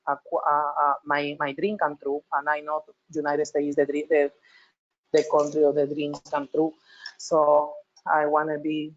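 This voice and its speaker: Halting Peruvian-accented woman on a dull call. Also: sits low. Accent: Peruvian Spanish. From Peru. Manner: halting, with many restarts and repeated words. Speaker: panelist. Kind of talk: panel talk.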